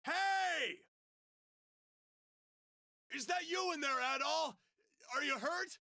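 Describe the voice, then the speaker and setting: A man voicing a boisterous, proud young brawler in a video game, reading the lines loudly with shouting bursts. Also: extremely high pitch, slow pace, gravelly, dry recording, clean studio sound, voice pushed up, exaggerated voice. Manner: loud, boastful, shouting bursts. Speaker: streamer voicing a game character. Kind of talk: dramatic reading of game dialogue.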